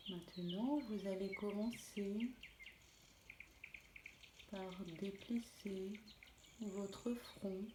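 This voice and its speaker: A woman leading a guided relaxation in a soothing, gentle, unhurried manner. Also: medium pitch, fairly even intonation. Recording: roomy echo, clear background noise, birdsong. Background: birdsong and nature ambience.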